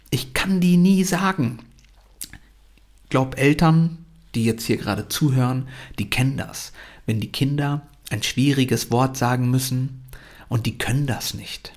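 A young adult man hosting a podcast, delivering an energetic, emphatic motivational monologue and mixing in English phrases. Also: medium pitch, normal speed.

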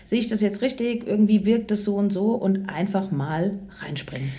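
A woman's voice: medium pitch, lively intonation, normal speed, warm tone. A woman co-hosting a podcast in casual conversation, telling personal stories with frequent tag questions. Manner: chatty storyteller, frequent "ne?" and "so" tags. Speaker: podcast co-host.

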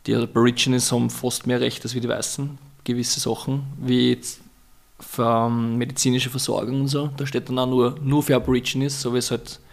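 A man's voice: mid-range voice, flat delivery, moderate pace, gravelly. A young man with an Austrian accent, a podcast guest telling rambling, colloquial anecdotes in casual conversation. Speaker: podcast guest, Muay Thai fighter.

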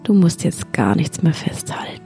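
A woman who is a podcast host and yoga teacher, guiding a sleep meditation in a soft, slow voice that often drops to a half-whisper. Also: deep voice, big pitch swings, over music.

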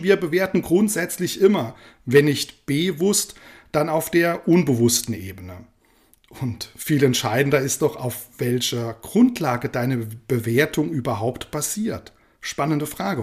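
A man, a life coach hosting a podcast, talks straight to the listener in a calm, deliberate way and tells a parable. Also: on the high side. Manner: addresses the listener directly and warmly with informal du; calm, deliberate storytelling with slowed phrases. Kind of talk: motivational podcast talk with a told parable.

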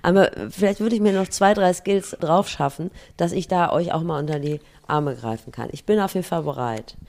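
A woman's voice: fairly low pitch, a little fast, gravelly, a little mellow. A woman co-hosting a casual podcast, teasing her partner and prodding him with questions. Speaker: podcast co-host. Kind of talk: casual chat.

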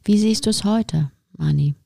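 A woman's voice: medium pitch, unhurried, creaky, dark tone, dry recording, studio quality. A woman hosting a podcast, asking reflective questions and giving frequent backchannels. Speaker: podcast host. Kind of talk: interview conversation.

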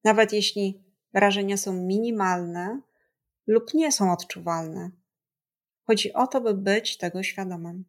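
A woman leads a guided body scan meditation at a slow, unhurried pace. Her delivery is calm and soothing, with a medium-pitched voice that has a creaky edge. She speaks gently and leaves long pauses between instructions. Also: noisy background.

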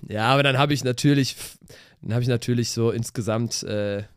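A man's voice: mid-range voice, a little fast, smooth, no echo, clean studio sound. A man co-hosting a casual podcast chat, telling a story and acting out the dialogue. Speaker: podcast co-host.

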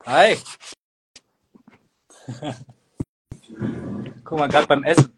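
Male guest on a remote call, casual, slow-spoken, heavy background noise. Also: on the high side. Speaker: guest joining live stream. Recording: noisy call audio.

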